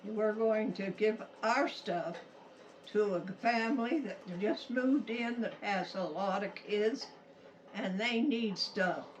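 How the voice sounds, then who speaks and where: A woman in her nineties with a rural Utah American accent tells a childhood story as a grandmother, casually, in a folksy, halting, plain-spoken way. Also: mid-range voice, lo-fi sound. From Utah, United States. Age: 90s. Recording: distant mic with faint background noise.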